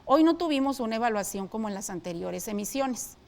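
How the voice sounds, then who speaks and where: A woman teaching a televised school lesson, explaining clearly and steadily and asking her students questions. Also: a little high, expressive, a little fast, darkish tone.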